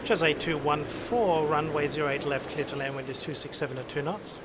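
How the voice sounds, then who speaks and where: Man playing controller over loud noise. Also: on the high side, steady tone, a little fast. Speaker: streamer playing air traffic controller. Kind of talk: game commentary and controller commands. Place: indoor desk setup. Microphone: close desk microphone.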